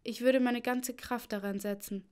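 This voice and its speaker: A woman's voice: fairly high pitch, steady tone, normal speed, a little mellow, smooth, lightly acted. A woman voicing a distressed young queen who pleads anxiously. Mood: pleading.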